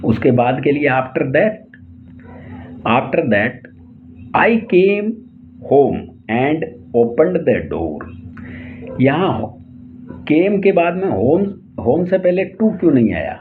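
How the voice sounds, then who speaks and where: A man with an Indian accent teaches English tenses, stretching out each example sentence word by word at a very slow pace. His voice comes through a thin, phone-like channel. A faint hiss runs under the recording. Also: fairly high pitch, sing-song. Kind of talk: explaining English tenses in Hindi.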